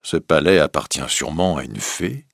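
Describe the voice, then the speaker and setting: A man's voice: a bass voice, expressive, normal speed, creaky, fairly bright tone, no echo, studio quality, voice pushed down, exaggerated voice. A man reading a humble, frightened old merchant. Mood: musing. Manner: pleading, humble. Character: poor frightened old merchant, a loving father.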